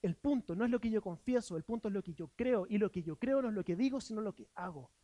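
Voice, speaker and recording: A man's voice: high voice, expressive, fast, warm tone, no room sound. A man with a Chilean Spanish accent preaching a sermon as pastor, earnest, asking rhetorical questions and voicing imagined objections from listeners. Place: church.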